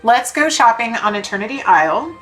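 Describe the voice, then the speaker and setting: A woman in her thirties streams a video game, chatting casually and gushing and joking with her viewers as game music plays behind her. Her voice is fairly high and sing-song, brisk and a bit bright.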